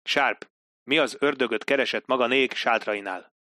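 A man's voice: medium pitch, sharp tone, no echo, studio quality, natural voice. A man voicing a pompous, sardonic British army captain in an audiobook, speaking in a raised, mocking tone. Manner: haughty, mocking.

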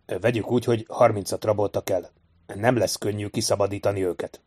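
A man voicing a seasoned male manhunter who speaks gently and with quiet assurance. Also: fairly low pitch, steady tone, breathy edge. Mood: steady.

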